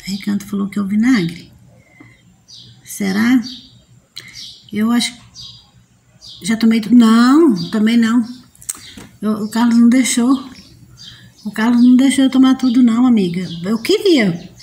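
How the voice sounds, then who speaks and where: A woman's voice: fairly high pitch, unhurried, pauses often, mellow, slight background noise. A woman with a Brazilian Portuguese accent hosting a casual live stream from home, chatting with viewers and reading their comments aloud. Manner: chatty and homely, talks straight to viewers as friends. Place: at home near her potted plants. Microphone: phone streaming live.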